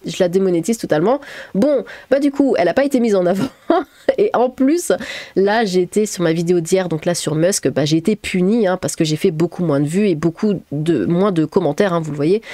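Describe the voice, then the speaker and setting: Woman YouTuber, casual comment reading, hesitant with fillers, wry tone, warm dark voice, dry close sound. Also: lowish voice, fairly quick, dry recording. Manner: hesitant, many fillers and restarts, amused sarcastic emphasis.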